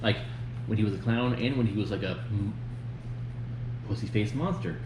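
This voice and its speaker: A man's voice: fairly low pitch, normal speed. Blunt guy giving movie opinions, swears a lot, echoey room with noise. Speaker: co-host of a movie review show. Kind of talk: casual chat, opinionated review. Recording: roomy, noisy home recording.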